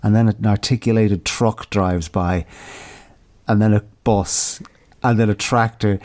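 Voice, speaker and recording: A man's voice: fairly low pitch, fairly even intonation, a little slow, a little mellow. A man co-hosting a presenter training podcast, chatting casually and swearing in jest. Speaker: podcast co-host. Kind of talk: casual chat. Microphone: studio microphone.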